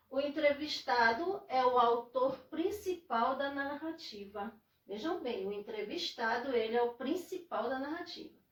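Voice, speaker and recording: A woman's voice: high-pitched, far from the mic. A Brazilian woman teacher explaining a lesson to her students, repeating her points and often checking in with "né?". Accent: Brazilian Portuguese. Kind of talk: classroom lesson. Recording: echoey room, voice off-mic.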